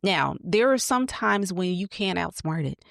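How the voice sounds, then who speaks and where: A woman's voice: lowish voice, expressive, unhurried, vocal fry, a bit bright, no room sound, studio quality. A woman hosting an advice podcast, telling personal stories in a chatty way with lots of fillers. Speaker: podcast host. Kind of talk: casual advice podcast monologue.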